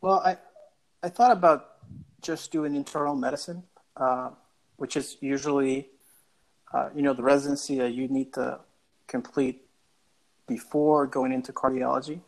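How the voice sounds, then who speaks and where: A man's voice: medium pitch, fairly even intonation, normal speed, gravelly, pauses often, poor audio. A young man from El Salvador, a cardiology fellow, answering interview questions casually with many fillers and restarts. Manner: hesitant, many uh fillers and repeated words. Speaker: guest cardiologist.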